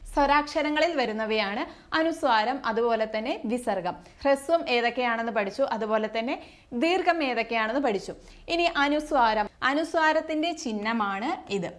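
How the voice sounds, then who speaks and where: A woman's voice: a little high, a bit bright. A woman teaching an exam-prep grammar lesson, patiently repeating each definition and listing letters one by one.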